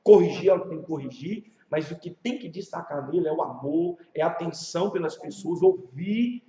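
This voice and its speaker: Brazilian man, pastor, animated storyteller, higher voice, echoey room. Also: moderate pace. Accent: Brazilian Portuguese. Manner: animated storytelling with rhetorical questions. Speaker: pastor and leadership teacher. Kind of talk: casual classroom teaching. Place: church classroom. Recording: echoey room, muffled sound.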